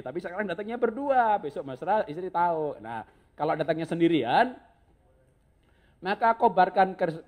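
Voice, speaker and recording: A man's voice: a little high, a little mellow. A man preaching a humorous sermon, joking and chuckling often as he talks.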